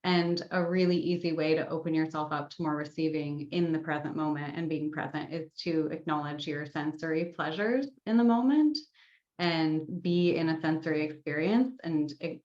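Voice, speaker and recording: A woman guest on a podcast, explaining in a gentle, unhurried coaching tone. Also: low voice, roomy sound, highs cut off. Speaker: guest, sex and somatics coach. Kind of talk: casual podcast interview.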